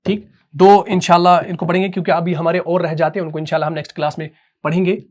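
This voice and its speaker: A man teaching Quran recitation. He talks patiently and repeats himself, slows down to dictate terms, and keeps asking whether the point is clear. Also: fairly high pitch, flat delivery, a little mellow. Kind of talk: dictated classroom lesson.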